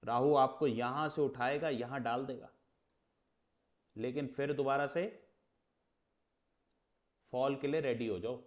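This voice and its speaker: A man's voice: medium pitch, steady tone, unhurried, long pauses. Lo-fi man lecturing on astrology. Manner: conversational, explains with rhetorical questions and mock dialogue. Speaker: astrology teacher. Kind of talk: lecture in Hindi with English terms.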